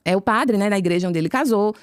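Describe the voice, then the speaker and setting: A woman with a Brazilian Portuguese accent, a podcast guest telling her conversion story as a lively storyteller who acts out each exchange of dialogue. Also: mid-range voice, fast talker, clean tone, dry recording, clean studio sound. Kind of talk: conversion testimony told as a story.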